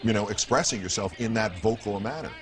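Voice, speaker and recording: A man's voice: lowish voice, a little fast. A man hosting a news interview show, commenting and questioning in formal, wordy phrasing.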